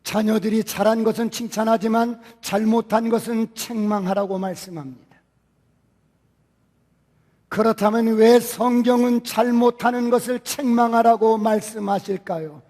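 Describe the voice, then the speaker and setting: High-pitched male pastor, emphatic sermon, long church-hall echo. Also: steady tone, moderate pace. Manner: emphatic, many rhetorical questions, swings from soft to loud. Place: church sanctuary.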